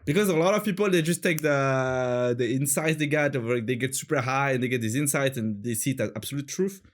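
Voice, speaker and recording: Talking fairly quickly in a mid-range voice, this Frenchman in his thirties has a French accent. As an interview guest in casual conversation, he gropes for words, filling gaps and restarting often.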